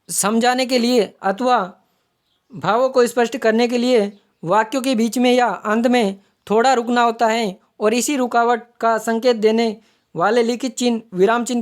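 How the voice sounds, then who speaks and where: A woman teaching an online exam-prep grammar lesson, explaining step by step and repeating each term as she points it out. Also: fairly high pitch. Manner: explanatory, repeats terms while pointing them out.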